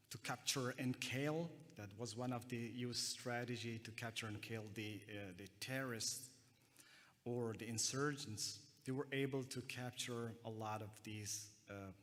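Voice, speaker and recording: A man from Afghanistan gives a talk at a conference, pausing often and restarting his sentences. His voice sits at an ordinary middle pitch. Long reverb from the hall trails behind each phrase. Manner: hesitant, many fillers and restarts. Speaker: counterterrorism analyst.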